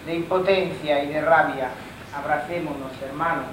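An actor playing a bitter, indignant blind poet in a declamatory stage drama. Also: male voice, on the high side, fairly even intonation, normal speed, natural voice. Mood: bitter indignation. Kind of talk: theatrical stage drama acting. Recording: echoey, distant, faintly noisy pickup.

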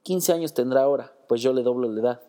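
A man voicing a gloomy bearded wanderer of about thirty who talks in a brooding, halting way, in a read-aloud story. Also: mid-range voice, warm tone, big-room sound, lightly acted.

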